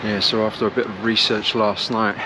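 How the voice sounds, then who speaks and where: A man's voice: lowish voice, flat delivery, brisk. A man talking casually to camera outdoors, explaining things as a running vlogger. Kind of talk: casual vlog talk to camera. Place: outdoors on city streets. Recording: outdoor urban traffic noise.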